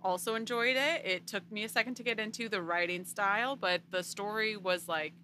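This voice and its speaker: A woman's voice: medium pitch, fairly quick, sharp tone, slight background noise. A woman co-hosting a casual book chat, talking in a chatty way with lots of "like". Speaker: podcast co-host.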